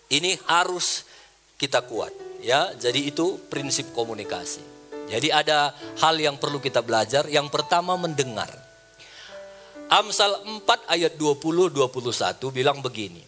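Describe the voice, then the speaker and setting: Male pastor, bright forceful voice, slightly high, lively sermon, soft music behind. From Indonesia. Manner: animated preaching, rising loud for emphasis; conversational, acts out quoted people.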